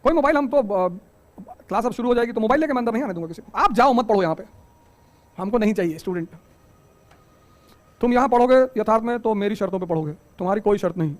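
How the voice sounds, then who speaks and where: High-voiced fast-talking male teacher. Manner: animated, rhetorical questions, joking asides. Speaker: exam coaching teacher. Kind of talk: motivational classroom talk.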